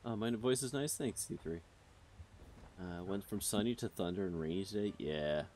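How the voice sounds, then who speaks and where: Gaming live, a man in his thirties makes relaxed, rambling conversation with chat, leaning heavily on fillers. His voice is deep and darkish at normal speed, with a slight hiss or hum in the audio.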